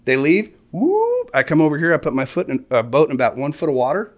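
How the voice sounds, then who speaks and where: A middle-aged man, explaining fishing tactics in casual conversation as an animated storyteller who acts out other anglers. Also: mid-range voice, quick pace. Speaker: fishing guest expert. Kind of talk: casual chat.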